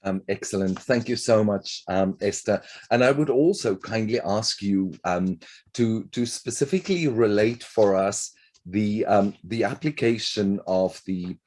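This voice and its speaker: A man moderating a panel discussion, politely handing over the word with many pauses. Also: fairly low pitch, a little mellow. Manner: polite, halting, many um fillers.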